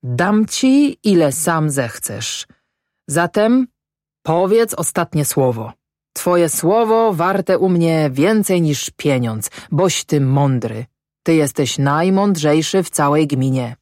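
A woman's voice: sits low, big pitch swings, takes it slowly, no room sound, clean studio sound, exaggerated voice. Woman voicing a drunk blustering peasant man. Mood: drunken flattery. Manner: blustering, shouting, fist-pounding.

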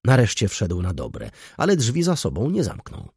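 A low, husky male voice narrates a novel with a lively, expressive pitch. The sound is close and dry. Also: normal speed, no room sound. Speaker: audiobook narrator. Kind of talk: scripted narration.

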